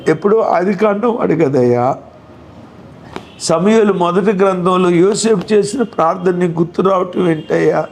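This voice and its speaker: A man preaches with deep feeling, his voice sitting fairly high for a man. He presses the listeners with question after question. Faint noise hums under the recording. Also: moderate pace, darkish tone. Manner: emotional preaching with rhetorical questions. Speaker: pastor. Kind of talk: sermon.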